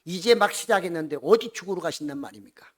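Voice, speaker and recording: Brief: a male preacher voicing an insistent, indignant male disciple who argues back, pitched a little high. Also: expressive, brisk, a bit bright. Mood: protesting. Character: impassioned male disciple protesting to his teacher.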